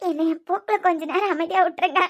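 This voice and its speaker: Woman doing a heartbroken young cartoon wife, squeaky high, Kanyakumari Tamil accent, soft and reproachful. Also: fairly quick. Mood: quiet, sad. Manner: reproachful, tearful and soft-spoken. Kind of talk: cartoon serial voice acting.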